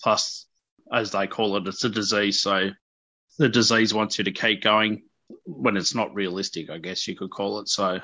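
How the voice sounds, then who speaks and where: Informal Australian man, bright forceful voice. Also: on the low side, steady tone, normal speed, no echo. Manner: informal, hesitant, self-deprecating. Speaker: interview guest. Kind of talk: candid personal interview. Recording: dull, lo-fi radio audio.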